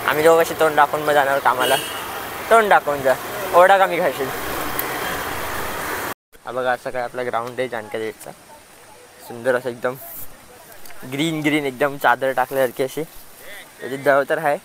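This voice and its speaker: Young Marathi-accented male vlogger, chatty and laughing, phone video with steady outdoor noise. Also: medium pitch, normal speed, long pauses. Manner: chatty, laughs often, gets louder and excited when riding with his friend. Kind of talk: casual vlog chat. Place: outdoors, streets and cricket ground. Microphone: mounted camera while riding, handheld.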